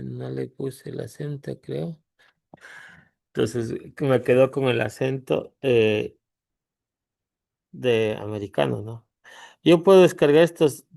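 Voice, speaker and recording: Un hombre que presenta un tutorial de software grabado en pantalla. Explica con pausas y remata sus frases con "¿no?". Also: male voice, mid-range voice, gravelly, no echo, clean studio sound. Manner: halting explanation, pausing with tag questions. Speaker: tutorial host. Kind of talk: screen-recorded software tutorial.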